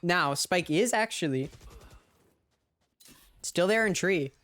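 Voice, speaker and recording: A man's voice: high-pitched, animated, slow pace, fairly bright tone, dry recording. A man streaming a watch party, giving casual play-by-play commentary on an esports match and talking straight to his chat.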